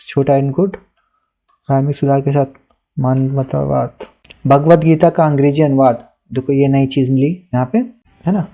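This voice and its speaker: A man's voice: a little high, dark tone. A young adult man, a teacher, giving live feedback on students' written answers and reading them aloud in a patient, instructive way. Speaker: teacher evaluating answer sheets.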